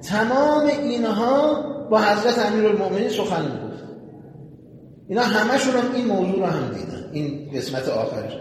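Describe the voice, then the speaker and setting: High-voiced male preacher in echoey hall. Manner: addresses the audience directly, animated retelling. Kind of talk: sermon with storytelling. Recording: echoey hall with long reverb, faint noise.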